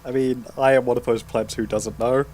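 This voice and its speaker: A man's voice: medium pitch, fairly even intonation, fairly quick, a little mellow, slight background noise. A man with a British accent in a casual podcast chat, wry and self-deprecating.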